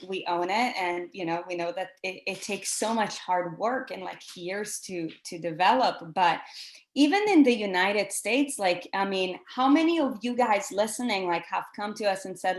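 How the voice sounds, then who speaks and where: A woman's voice: mid-range voice, echoey room. A woman podcast host from Israel, chatting casually with lots of likes and you-knows. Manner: chatty, filler-heavy with many likes.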